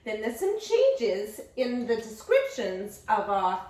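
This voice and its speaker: A woman's voice: on the high side, huge pitch swings, slow, a little mellow, full character voice. A woman playing a gushing, chatty talk show host who peppers her talk with Yiddish exclamations, in a comedic sketch for nurse education. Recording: roomy sound from a distant mic.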